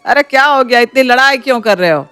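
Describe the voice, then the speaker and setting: A woman voicing a kind-hearted middle-aged mother-in-law in a cartoon story, gentle and affectionate as she scolds. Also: fairly high pitch, expressive, fast talker, faint music behind. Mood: scolding. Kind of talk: cartoon voice acting.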